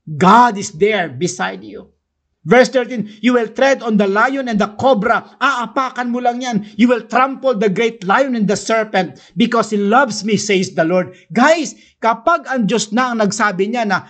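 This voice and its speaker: High-voiced Filipino preacher. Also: male voice, fairly bright tone. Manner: switches between Tagalog and English, slows down to read verses. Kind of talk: sermon.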